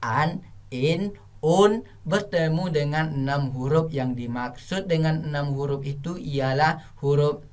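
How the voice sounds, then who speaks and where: Slow, patient male religious teacher. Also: fairly high pitch. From Indonesia. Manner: slow, patient, demonstrates Quranic recitation examples. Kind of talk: recorded tajwid lesson for pupils.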